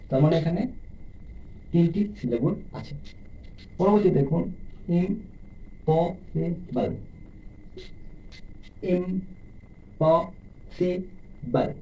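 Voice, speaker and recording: A man teaching English pronunciation in a video lesson, explaining step by step and slowly stretching out example words. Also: on the high side, muffled recording. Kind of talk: classroom-style video lesson.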